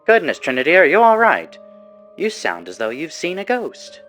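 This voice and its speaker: A man's voice: fairly high pitch, huge pitch swings, normal speed, fairly bright tone, faint music behind, pitched above the performer's own voice. A man voicing a genteel woman friend with an affected transatlantic accent, politely sweet in an unsettling, intimate way. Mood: concerned. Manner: politely solicitous, creepily intimate.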